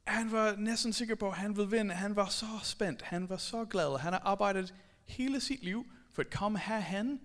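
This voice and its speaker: A man preaching a sermon, telling stories animatedly and addressing the audience directly. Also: sits high. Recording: long hall reverb.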